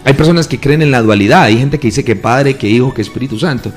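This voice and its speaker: A man's voice: medium pitch, quick pace, soft background music. A man, a pastor, tells a testimony with feeling in an interview, acting out the voices he quotes. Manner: earnest storytelling, quoting voices with feeling.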